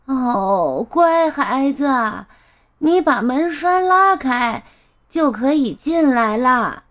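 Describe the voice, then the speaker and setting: A frail, kindly grandmother in a storybook speaks slowly and gently, voiced by a woman. Her words stretch out in a soft, lilting way. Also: high-pitched, animated, dull audio, exaggerated voice. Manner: slow, gentle. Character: weak, kindly old grandmother in bed. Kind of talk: storybook voice acting.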